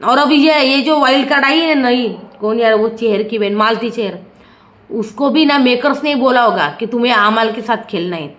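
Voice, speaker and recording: A woman's voice: fairly high pitch, normal speed, a bit bright. A woman reviewing a reality show in opinionated, casual commentary. She sounds indignant and keeps firing rhetorical questions. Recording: echoey room.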